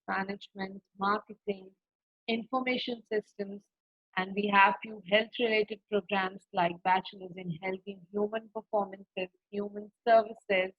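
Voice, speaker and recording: A woman's voice: mid-range voice, no echo. Brief: woman admissions rep, webinar talk, dull muffled audio, dry sound. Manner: explanatory, lists items, uses fillers. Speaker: university admissions representative. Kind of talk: webinar presentation.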